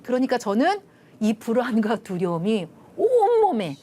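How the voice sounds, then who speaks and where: Animated Korean woman lecturer, lively pitch. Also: a little slow. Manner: animated storytelling, acts out quoted lines; drops to soft hushed tones at tender moments. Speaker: lecturer, love institute director. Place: TV studio.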